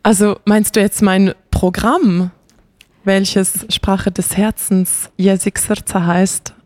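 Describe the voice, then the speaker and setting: A young Swiss woman, a classical singer raised bilingual in Bosnian, chats animatedly in a casual interview, full of fillers and light laughs. Her medium-pitched voice is steady and darkish, the pace slow, and the recording dry.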